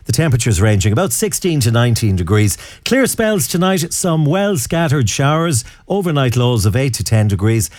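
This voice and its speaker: A man's voice: mid-range voice, sing-song, normal speed, hardly any pauses, darkish tone, no room sound. A man presenting a weather forecast on the radio.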